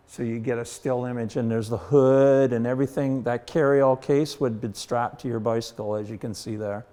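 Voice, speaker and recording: A middle-aged man from Canada shows visitors around his collection in an exhibit hall. He speaks at an ordinary pitch and talks in a relaxed, folksy way, spinning stories as he moves from piece to piece. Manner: folksy storyteller, acts out quoted people. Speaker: collector giving a museum tour. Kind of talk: casual guided tour and storytelling. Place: heritage centre exhibit hall.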